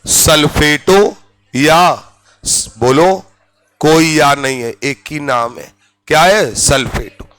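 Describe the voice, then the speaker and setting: A man's voice: a little high, takes it slowly, fairly bright tone, a little hiss or hum, low-quality recording. A man teaching a chemistry class in Hindi, drilling students with repeated check-in questions and spelling out each term. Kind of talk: classroom lecture.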